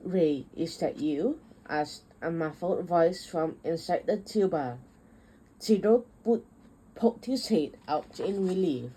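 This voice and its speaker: Woman reading a kids picture book, slow and steady, low mellow voice. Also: slight background noise, poor audio. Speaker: storyteller. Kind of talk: picture book read-aloud.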